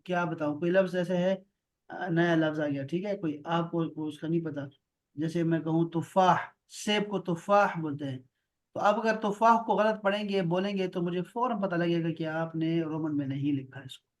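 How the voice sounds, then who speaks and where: A man teaching an online Arabic class over a video call, patient and repeating words for drill. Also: on the high side. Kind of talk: online grammar lesson.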